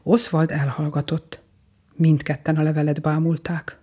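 An adult reading a children's Christmas story aloud in a gentle, expressive way. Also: medium pitch, husky. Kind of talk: storybook narration.

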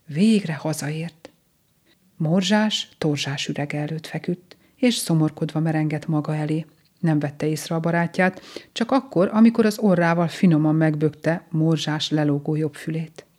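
Low-voiced woman reading a children's story. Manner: calm, gentle and measured.

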